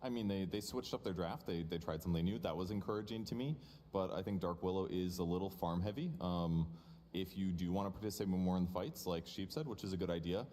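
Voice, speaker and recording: A man's voice: low voice, fast talker, darkish tone, a little hiss or hum. A man analyzing a match on a live esports panel. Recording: long hall reverb.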